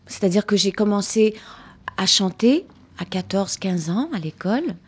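A Canadian stage actress, answering kids' questions after a show, speaks at normal speed in an animated, mid-range voice with a breathy edge. She explains theatre work patiently, repeating words for emphasis.

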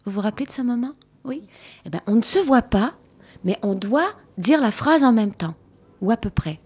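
A woman's voice: fairly high pitch, expressive, moderate pace, darkish tone, husky. A woman from Canada, a stage actress patiently explaining theatre work to children and repeating words for emphasis. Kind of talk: answering children's questions after a show.

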